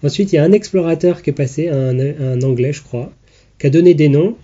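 A man's voice: fairly high pitch, fairly quick, mellow, lo-fi sound. A man hosting a podcast, explaining things in casual chat and teasing his co-host.

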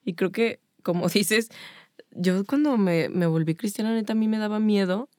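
A woman's voice: medium pitch, moderate pace, warm tone, dry recording, studio quality. A woman with a Mexican accent talking casually about faith and emotions, stacking up long spoken lists. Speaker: podcast co-host.

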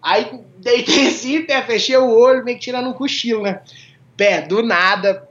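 A man's voice: very high-pitched, moderate pace, a bit bright. Man from minas gerais, guest, casual storytelling, laughs a lot, dull lo-fi sound. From small town in Minas Gerais, Brazil. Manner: laughs often while telling stories.

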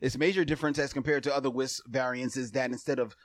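A man's voice: mid-range voice, steady tone, no room sound. A man co-hosting a podcast in casual chat, curious and questioning, reading aloud at times. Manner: curious, questioning, quick to laugh. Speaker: podcast co-host.

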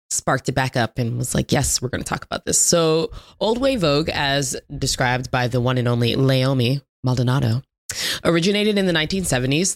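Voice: mid-range voice, dry recording. A podcast co-host chatting casually and reading a guest introduction with upbeat flair.

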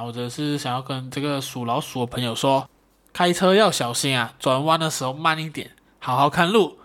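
Young man telling a story on his podcast. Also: a little high. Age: young adult. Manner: animated storyteller, self-mocking, swears. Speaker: podcast host. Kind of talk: casual solo podcast storytelling.

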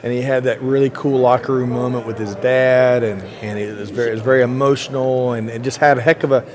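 A man's voice: mid-range voice, steady tone, fast, crowd noise. Upbeat chatty male podcast host. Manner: upbeat, chatty, frequent fillers. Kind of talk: enthusiastic interview hosting. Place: conference expo floor.

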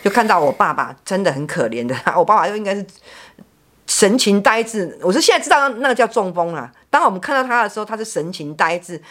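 A woman's voice: mid-range voice, animated, fast, a bit bright. A middle-aged woman with a Taiwanese Mandarin accent, telling a family story as a podcast guest in a frank, blunt way, often repeating words as she talks. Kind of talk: personal storytelling chat.

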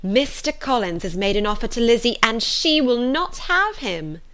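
A woman voicing a gleeful, gossipy teenage girl in an audiobook, eager and hushed. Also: on the high side, sing-song, moderate pace, voice pushed up. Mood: gleeful, excited. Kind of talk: audiobook character voice.

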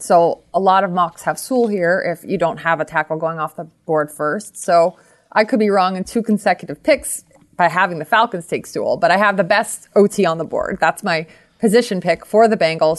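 A woman co-hosting a sports podcast, laying out her reasoning in a measured, step-by-step way. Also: on the low side. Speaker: podcast co-host. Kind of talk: casual sports podcast chat.

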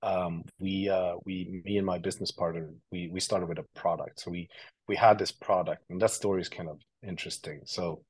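A man from Sweden in his thirties, a guest telling stories in a relaxed, rambling way with lots of fillers. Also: sits low, a little fast, husky, dry recording, rough recording. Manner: relaxed storytelling with many fillers and restarts. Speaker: guest, creative officer. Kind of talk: casual interview talk.

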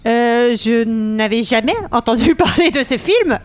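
A woman's voice: a little high, animated, unhurried, dry recording. A woman on a film podcast panel giving a hesitant, understated opinion with many ums. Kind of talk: casual panel chat.

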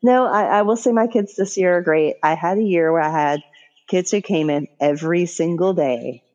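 A woman's voice: on the low side, moderate pace, a little mellow, dull audio. A woman middle school teacher co-hosting a podcast, telling chatty anecdotes with laughs. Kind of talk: casual chat.

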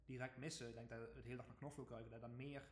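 A man's voice: medium pitch, steady tone, racing. A Dutch man co-hosting a podcast in casual chat, hesitant with many fillers and restarts. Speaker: podcast co-host. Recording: echoey room.

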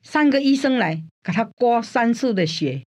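An older woman from Taiwan, a guest in an interview telling her faith story in an animated way, often using the filler sounds "hā" and "āi". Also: moderate pace. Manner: animated storyteller, frequent "hā" and "āi" fillers, rising pitch in tense moments. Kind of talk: personal faith testimony in an interview.

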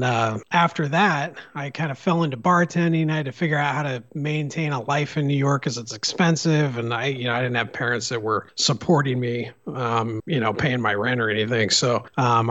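A man's voice: medium pitch, fairly bright tone, dull audio. A man in his thirties, a guest photographer, talking easily and repeating words as he thinks. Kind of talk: casual interview talk.

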